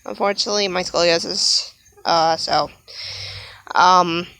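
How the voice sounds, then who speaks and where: A woman's voice: lowish voice, steady tone, unhurried, pushed and bright, smooth. A young adult woman talking casually in a rambling vlog monologue, laughing often and breaking off to apologize. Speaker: vlogger.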